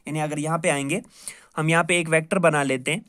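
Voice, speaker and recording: A man's voice: fairly high pitch, fairly even intonation, fast talker, a bit bright. A male math teacher giving a recorded lecture, repeating each point patiently, asking himself questions and answering them, with English math terms mixed in.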